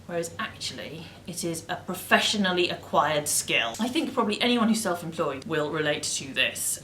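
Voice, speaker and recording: A woman with a posh English accent vlogging in a chatty, self-mocking way. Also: a bit bright. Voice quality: posh, high-voiced. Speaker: vlogger, freelance model. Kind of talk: casual talking-to-camera vlog. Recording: echoey room with faint noise.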